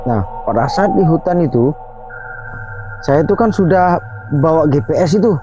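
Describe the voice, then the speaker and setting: A man with a slightly high, animated voice hosts a night outing outdoors, earnestly recounting a true story at a moderate pace. His delivery is emphatic and full of fillers, captured in a lo-fi recording with faint music.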